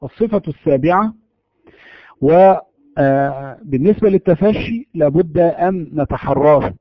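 A man teaching Quran recitation, his voice pitched a little high, working through the sounds of letters slowly and deliberately. The sound is dry and a bit muffled, like an old radio broadcast. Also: dry recording. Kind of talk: tajweed lesson.

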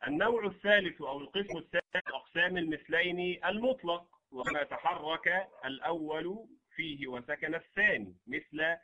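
A man teaching the rules of Quran recitation, explaining slowly and reciting verse examples. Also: fairly high pitch, pushed and bright, dull audio. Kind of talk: tajweed lesson with recited examples.

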